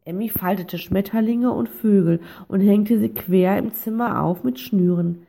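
A woman's voice: mid-range voice, unhurried, vocal fry, dark tone. Woman reading a children's story. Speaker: narrator.

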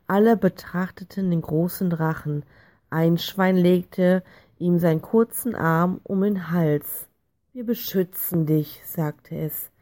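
Calm woman reading a children's story. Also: fairly low pitch. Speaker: audiobook reader.

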